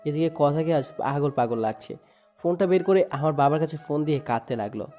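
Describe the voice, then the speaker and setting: A man's voice: on the high side, expressive, fairly quick, warm tone, soft background music. A man narrating a first-person dramatic story in a sorrowful, emotive way. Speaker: narrator and lead voice.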